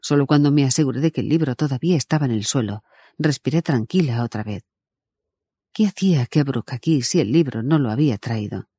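Husky, dark-voiced male audiobook narrator. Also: mid-range voice, brisk, dry recording.

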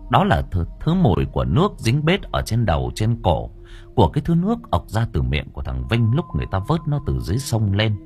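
Man, audiobook narrator, dramatic storytelling, low voice, lively pitch. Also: a little fast, soft background music. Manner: expressive, shifting tempo.

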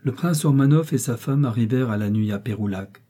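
A man narrating a classic novel as an audiobook, in a measured, even reading. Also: medium pitch.

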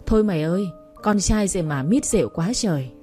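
A woman's voice: lowish voice, lively intonation, brisk, warm tone, faint music behind, lightly acted. Woman reading as a joking uncle. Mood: gentle. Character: teasing, caring adult man, uncle figure.

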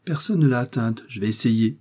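A man's voice: medium pitch, fairly quick, dark tone, slightly rough, lightly acted. A man reading the part of a cruel, laughing male whip-master who mocks his victims in an audiobook. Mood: mocking. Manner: mocking, gloating.

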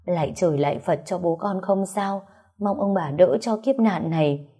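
A woman's voice: lowish voice, moderate pace, mellow, slightly rough. A woman reader voicing a frantic middle-aged mother who pleads through tears in a storybook reading. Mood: tearful. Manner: tearful, pleading.

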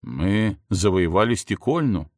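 A man's voice: sits low, expressive, unhurried, no room sound, studio quality. A man voicing a shy young warrior lad. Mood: awkward. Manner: awkward, hesitant, then defensively boastful. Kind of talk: audiobook character voice.

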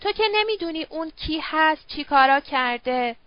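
A woman voicing a drunk, smooth-talking middle-aged male opium user who coaxes and wheedles. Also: sits high, expressive, dry recording, highs cut off. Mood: coaxing. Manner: wheedling, slurred persuasion.

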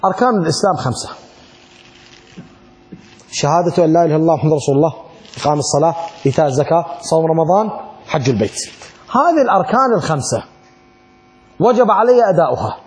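Teaching a religious law class, a middle-aged man with an Iraqi Arabic accent talks fast and expressively in a slightly high, somewhat mellow voice, pausing often. He throws rhetorical questions at his students and acts out short exchanges.

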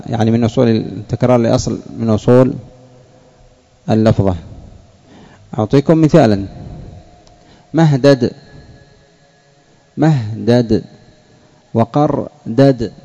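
A man teaching a classroom lesson, slow and deliberate, repeating key words and questioning his students. His voice is dark and gravelly. The recording is dull and lo-fi. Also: medium pitch. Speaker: sheikh teaching Arabic morphology.

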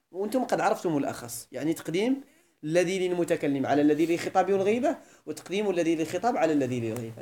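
A man's voice: sits high, a little mellow. A man with a Moroccan accent lecturing on Arabic grammar, switching between classical Arabic and Moroccan dialect and often checking that his students follow. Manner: keeps checking the class understands. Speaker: Islamic scholar teaching Arabic grammar.

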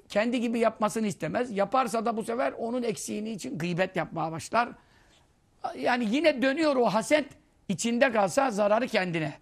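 A man giving a conversational religious lesson, telling anecdotes and acting out the people he quotes. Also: vocal fry. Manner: storytelling, acting out quoted voices, lively swings in pitch and loudness. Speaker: Islamic preacher teaching hadith.

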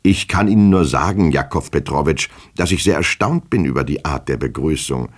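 A man's voice: rumbling low, lively intonation, brisk. A man voicing a nervous, fawning official who stammers and pleads, in an audiobook reading. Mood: pleading. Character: nervous, fawning male official, anxious and flustered.

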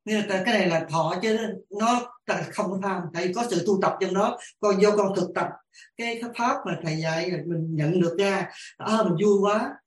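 A woman, a lay practitioner asking her teacher questions, halting as she searches for words. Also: mid-range voice. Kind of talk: dharma Q&A. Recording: roomy echo.

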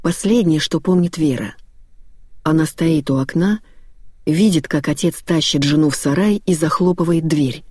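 A narrator reading a dark dramatic story in a steady storytelling voice. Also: medium pitch, moderate pace, slightly rough, dry recording, clean studio sound. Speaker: audiobook narrator.

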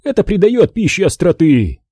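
A man's voice: high-pitched, sing-song, moderate pace, mellow, slightly rough, no echo, studio quality, pitched above the performer's own voice, full character voice. A man doing a jokey, chatty café owner. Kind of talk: audiobook character voice.

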